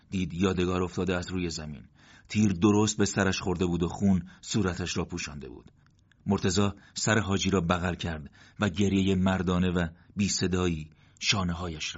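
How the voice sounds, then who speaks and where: A man narrating a war story in a steady, measured reading. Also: sits low, slightly rough. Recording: dull lo-fi recording.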